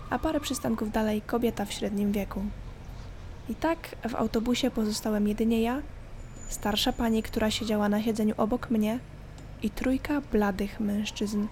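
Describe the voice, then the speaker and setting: A woman narrating a scripted horror story in a calm, measured way. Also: a little high, slight background noise. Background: faint background music.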